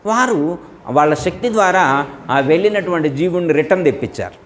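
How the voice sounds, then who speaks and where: A man's voice: on the high side, expressive, a little fast, slight background noise. A man giving a spiritual discourse, asking his listeners question after question and acting out the dialogue of the story. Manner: asks listeners rhetorical questions, acts out dialogue. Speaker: spiritual teacher. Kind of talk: Telugu religious discourse.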